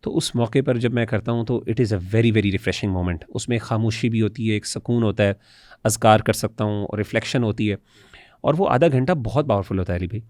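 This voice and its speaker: Earnest guy on a podcast, animated, dry close sound, religious phrases here and there. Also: lowish voice, moderate pace, dry recording. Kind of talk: casual podcast discussion.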